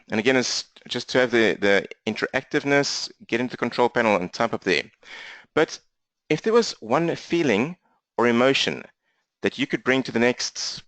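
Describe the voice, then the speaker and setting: A man with a strong South African accent, speaking fast and energetically as he leads a live online training session from his laptop. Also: medium pitch, no room sound. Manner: fast-talking, energetic, interactive. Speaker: business coach for accountants. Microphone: laptop mic.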